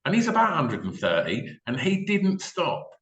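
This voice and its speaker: On the high side with huge pitch swings, this English-accented podcast host talks at normal speed with a fairly bright tone, chatting eagerly and informally with his guest. The room audibly echoes.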